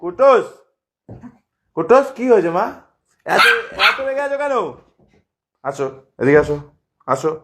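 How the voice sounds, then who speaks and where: A man's voice: sits high, big pitch swings, measured pace, long pauses, very noisy. A man talking to his pet dog, coaxing it and asking it the same questions over and over. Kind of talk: casual talk to a pet.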